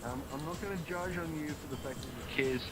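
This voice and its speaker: A man's voice: a little high, quick pace, over loud music, poor audio. A man in casual, profane chat in a VR game, ranting and teasing others. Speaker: VR social game player. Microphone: VR headset mic.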